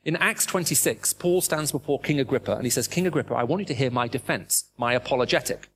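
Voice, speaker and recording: A man's voice: mid-range voice, fast talker, fairly bright tone, slightly rough. A middle-aged man with a British English accent, preaching a sermon to a live audience, emphatic and full of rhetorical questions. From raised in the Middle East.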